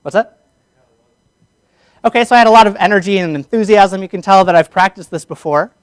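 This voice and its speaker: A man's voice: high voice, a little fast, clean tone, no room sound. A man teaching a public speaking class, energetically lecturing and asking his students questions.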